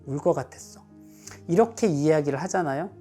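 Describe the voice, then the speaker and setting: A male psychiatrist calmly explaining advice for parents, now and then acting out what a parent or child would say. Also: on the high side, brisk, breathy edge, soft background music.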